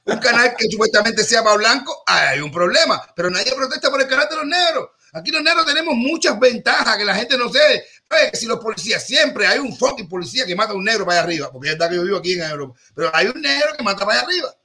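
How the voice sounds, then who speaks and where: A man's voice: high voice, lively intonation, fast talker, hardly any pauses, sharp tone. A man riffing in a joking, rambling monologue on a talk show, repeating words and restarting his sentences.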